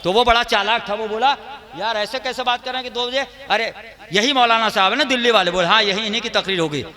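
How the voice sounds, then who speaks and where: A male preacher with a high, piercingly bright voice. He tells stories conversationally and swells into loud, stretched-out chanted lines. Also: quick pace. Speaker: Islamic preacher. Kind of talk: sermon with storytelling. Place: religious gathering.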